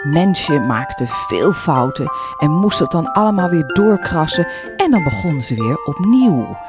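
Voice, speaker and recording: A woman presenting a children's program, explaining things calmly. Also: deep voice, measured pace, music in the background. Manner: calm, explanatory. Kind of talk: narration for children.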